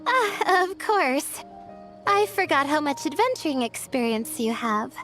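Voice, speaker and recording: A woman voicing a young female student in a game, hesitant and halting. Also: sits high, very animated, fairly bright tone, faint music behind, exaggerated voice. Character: sleepy young female scholar.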